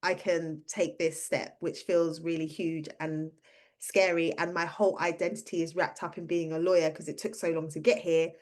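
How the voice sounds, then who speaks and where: A woman's voice: low voice, level tone, normal speed, a little mellow. A woman in her thirties, a career coach and podcast host, telling a personal story in casual conversation and acting out the voices she quotes.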